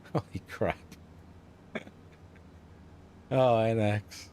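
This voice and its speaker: A man's voice: lowish voice, extremely slow, mellow. A middle-aged man hosting a livestream from home, chatting in a rambling, easygoing way and laughing often. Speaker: livestream host. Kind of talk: casual livestream chat.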